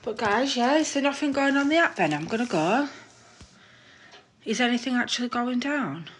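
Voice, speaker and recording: A woman's voice: a little high, animated, normal speed, a little hiss or hum. A woman hosting a casual live stream from her room at home, chatting and gossiping into her phone, laughing at herself.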